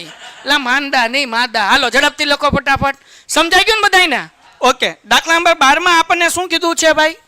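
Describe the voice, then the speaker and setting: A man with a Kathiawadi Gujarati accent teaches a maths lesson in a high and very bright, ringing voice. He jokes with the class and keeps checking that everyone follows along. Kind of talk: lively classroom lecture.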